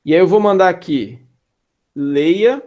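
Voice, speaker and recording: A man's voice: high-pitched, animated, takes it slowly, lo-fi sound. A man teaching an introductory programming class in a casual way, checking in with students and throwing in slangy asides. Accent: Brazilian Portuguese. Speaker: instructor. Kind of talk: classroom lecture.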